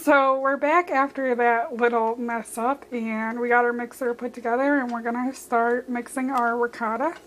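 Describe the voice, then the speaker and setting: With a slightly bright, high-leaning voice and fairly even intonation, a young adult woman talks viewers through a recipe in her home kitchen at normal speed, barely pausing. She's losing her voice, so it sounds a little worn, and the rough recording carries kitchen and dish noise.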